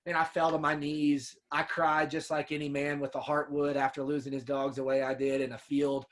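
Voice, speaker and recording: A man's voice: fairly high pitch, flat delivery, brisk. A man telling hunting stories as an interview guest, earnest and emotional, often saying "man" and "dude". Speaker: podcast guest, upland hunter and dog kennel owner. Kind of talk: casual storytelling interview.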